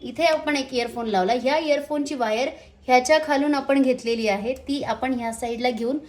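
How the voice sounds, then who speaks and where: Here a woman with a somewhat high, darkish voice gives an informal, vlog-style unboxing and installation demo at a moderate pace. Her explanation comes out a little hesitantly, dotted with English words.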